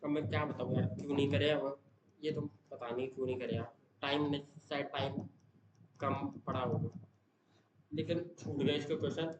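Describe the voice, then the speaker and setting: A young man, a student, chatting casually in a daily study vlog, rambling with many fillers and tag questions and saying he talks fast. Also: medium pitch, fairly even intonation. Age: young adult. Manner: says he talks fast, in one breath. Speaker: exam student vlogger. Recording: echoey room, dull sound, noisy background.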